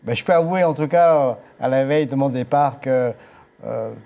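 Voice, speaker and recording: A man's voice: medium pitch, moderate pace, gravelly, dark tone. An older man being interviewed on TV as a departing director, speaking formally with frequent hesitations. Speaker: guest, agency director. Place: TV studio.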